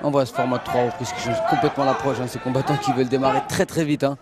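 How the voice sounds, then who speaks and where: Male fight commentator over a loud crowd. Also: medium pitch, fairly even intonation, quick pace. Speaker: sports commentator. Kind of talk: live combat sports commentary. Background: noisy fight-night crowd.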